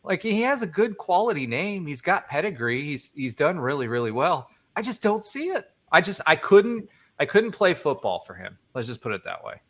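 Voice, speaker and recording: Man, podcast host, casual sports chat, bright forceful voice, joking and rambling. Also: fairly high pitch, moderate pace, few pauses. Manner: animated, jokey, rambling.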